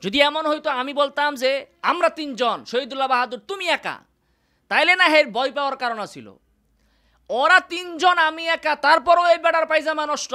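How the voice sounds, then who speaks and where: Man, bright sharp voice, mocking, heated monologue, indoors. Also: extremely high pitch. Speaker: religious speaker. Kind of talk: combative monologue. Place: indoors in a room.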